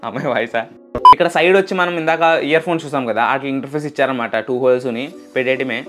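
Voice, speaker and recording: He's a host from India doing an unboxing and product demo video, chatting and explaining in a relaxed way. His mid-range voice moves at a racing pace against loud background music.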